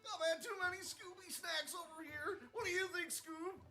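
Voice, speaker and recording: Guy doing a freaked out cartoon stoner dude voice, way higher than normal, drawly. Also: normal speed, pushed and bright, soft background music, heavily acted. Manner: panicky, drawling, stoner lilt. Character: stoned lanky young cartoon slacker man.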